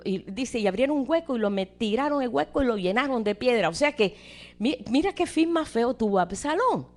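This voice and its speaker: A woman preaching a sermon with animated delivery, often repeating words and calling listeners brother. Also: on the high side. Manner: animated, acts out quoted voices, addresses listeners as brother.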